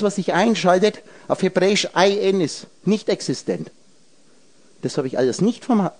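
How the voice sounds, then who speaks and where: Guy with a pretty high voice rambling through an esoteric talk, breaking words into letters and numbers, asking the crowd questions. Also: darkish tone. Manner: talks directly to listeners with questions. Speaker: speaker addressing a group. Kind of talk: esoteric lecture.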